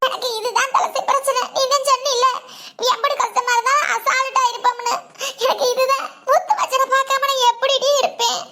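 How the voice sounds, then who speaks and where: A woman's voice: very high voice, expressive, fast, vocal fry, full character voice. A woman voicing a tearful, lovesick young village woman in a cartoon, speaking with a southern Tamil accent. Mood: distressed. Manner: weepy, pleading. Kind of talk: cartoon voice acting. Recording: background music under the voice.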